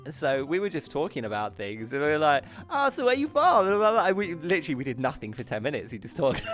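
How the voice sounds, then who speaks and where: A man hosting a live stream, chatting casually and excitably with viewers and pronouncing his r's as w's. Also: mid-range voice. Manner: says w for r. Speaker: host of a live streamed show.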